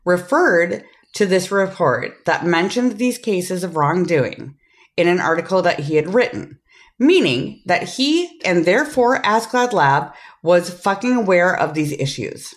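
Lower-pitched lady host walking through a case, casual and cursing. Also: big pitch swings, unhurried. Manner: explaining a case, swears casually. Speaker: podcast host. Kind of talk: casual chat.

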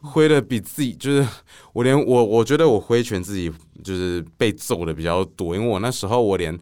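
A man, a guest writer telling stories on a podcast in a loose, animated way, swearing and laughing freely. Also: on the low side, a little fast, smooth. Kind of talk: casual podcast storytelling.

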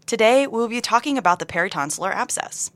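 A woman's voice: fairly high pitch, expressive, fast talker, a bit bright, dry recording. A woman doctor co-hosting a scripted emergency medicine teaching podcast, with dry teasing asides.

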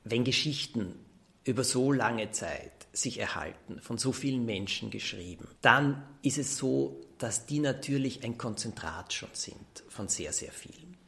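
Brief: Austrian-born author, guest on an interview, gravelly mid-pitched voice, thoughtful explainer. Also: male voice, animated, unhurried, a bit bright. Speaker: children's book author, guest. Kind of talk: interview answers.

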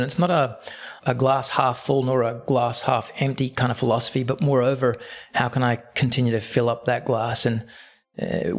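Reflective male podcast host storytelling. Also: mid-range voice. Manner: reflective, unhurried, with frequent "uh" pauses. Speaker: podcast host, golf coach. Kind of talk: casual storytelling.

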